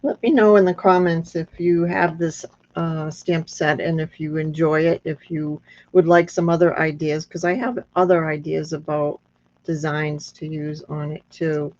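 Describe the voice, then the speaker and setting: A woman with a thin, squeaky, reedy voice casually hosting a hands-on craft demonstration, thinking aloud as she goes. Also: fairly even intonation, a little mellow. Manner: unhurried, thinking aloud with pauses. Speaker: craft tutorial host. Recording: dull lo-fi sound.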